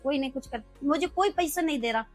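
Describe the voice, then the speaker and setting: A woman's voice: high-pitched, animated, fast talker, soft background music, low-quality recording. A middle-aged woman street food vendor telling her story earnestly in an interview, acting out the dialogue. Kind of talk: emotional personal interview.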